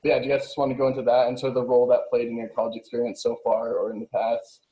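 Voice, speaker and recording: A man's voice: mid-range voice, little pitch movement, racing, warm tone, rough recording. A young man hosting a casual interview, asking questions in a friendly way with trailing restarts. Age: young adult. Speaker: host.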